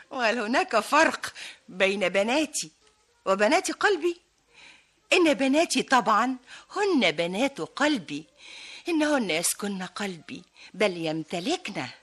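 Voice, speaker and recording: A woman's voice: medium pitch, sing-song, measured pace, long pauses, fairly bright tone. A woman co-presenting a scripted radio literary program, replying and commenting in formal classical Arabic.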